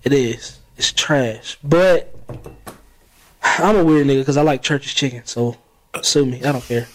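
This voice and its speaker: A man, co-hosting a casual podcast chat and ranting loudly with plenty of profanity. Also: medium pitch, unhurried, rough recording. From South Carolina. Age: 30s. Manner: loud, profane, opinionated ranting. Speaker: podcast co-host.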